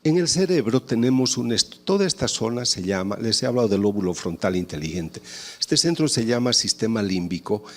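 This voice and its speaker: Husky low-voiced guy giving a talk, big reverby hall, acts out little family scenes. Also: animated, fairly quick. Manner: explains with acted-out family dialogues. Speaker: lecturer. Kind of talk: conference talk.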